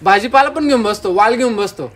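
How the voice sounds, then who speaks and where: A young man from Dindori, a farmer, talking in a casual interview and telling lively stories about his customers. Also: high voice, brisk. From Dindori, Maharashtra. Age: young adult. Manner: lively storyteller, acts out customers' remarks.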